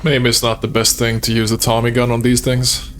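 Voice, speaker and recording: A man streams a horror game with soft music behind him, chatting eagerly and laughing with viewers. He speaks at medium pitch in a monotone, a little fast and slightly bright.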